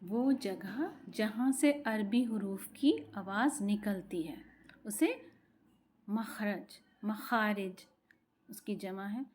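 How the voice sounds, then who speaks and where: Slow-paced woman teaching Quran recitation. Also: a little high, warm tone. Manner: patient, repeats sounds slowly for practice. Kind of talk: online class teaching.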